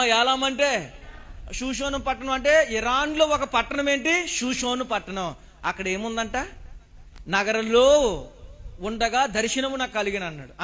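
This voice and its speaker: A male preacher giving a sermon, who keeps firing questions at the congregation and urging them to answer loudly. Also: very high voice. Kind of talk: Telugu sermon with call-and-response questions to the congregation.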